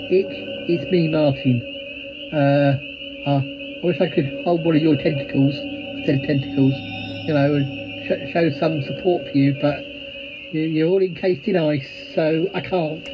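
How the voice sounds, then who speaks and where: A man's voice: fairly high pitch, fairly even intonation, measured pace, natural voice. Bashful, bumbling British bloke acted by a man. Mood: awkward, kindly. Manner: hesitant, bumbling. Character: bashful, rambling, kindly ordinary bloke. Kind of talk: character audio drama. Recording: muffled sound with prominent music. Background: music.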